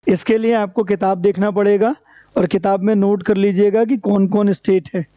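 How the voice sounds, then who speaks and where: A man's voice: high voice, steady tone, normal speed, no echo. A man teaching an exam-prep lecture, asking rhetorical questions and answering them himself in a repetitive, drilling way. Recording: dry, dull lo-fi recording.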